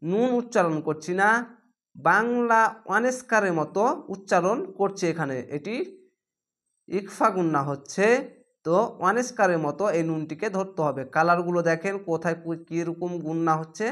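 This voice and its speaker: A man with a Bangladeshi Bengali accent teaches Quran reading, spelling words out letter by letter and drawing the recited words out slowly. His voice is high and a bit bright.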